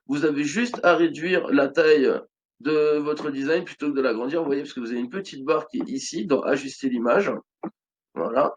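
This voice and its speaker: A man in his thirties with a French accent, casually walking viewers through an online selling tutorial, with many fillers and restarts. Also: mid-range voice. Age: 30s. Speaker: online business tutorial host. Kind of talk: screen-recorded tutorial walkthrough.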